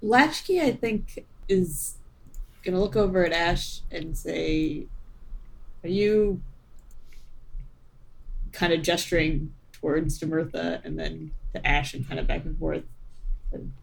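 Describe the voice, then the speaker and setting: Woman with a gravelly low voice. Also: a little slow, rough recording. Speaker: player. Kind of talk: casual tabletop game play.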